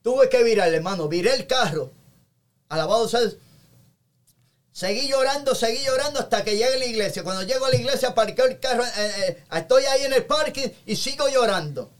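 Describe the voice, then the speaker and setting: A man's voice: very high-pitched, lively intonation, fairly quick. A man, an evangelist guest, giving a fervent testimony in a podcast interview and constantly breaking in with short praise phrases.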